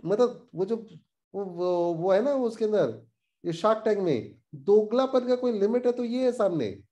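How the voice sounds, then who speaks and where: A man hosting a casual explainer on current affairs, talking in an animated, indignant way and dropping English phrases into his talk. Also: high-pitched, measured pace.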